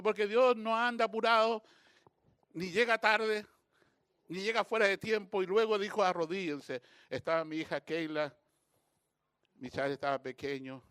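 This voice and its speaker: A man's voice: fairly high pitch, fairly bright tone, clear, resonant tone, no room sound. A middle-aged Chilean man preaching a sermon as pastor, telling stories with passion and building to fervent exhortation.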